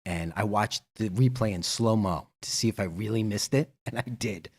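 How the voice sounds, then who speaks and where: A man's voice: on the low side, moderate pace, husky. A man hosting a laid-back livestream, talking straight to his viewers. He rambles, restarts his sentences, laughs easily and drops casual swear words. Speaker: livestream host.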